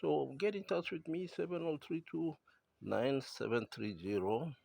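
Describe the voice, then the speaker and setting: Papua New Guinean man speaking pidgin, gravelly voice. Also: a little high, normal speed, a little mellow, no room sound. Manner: repeats key words for emphasis. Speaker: explainer of technical devices. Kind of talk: informal technical explanation in Tok Pisin pidgin mixed with English.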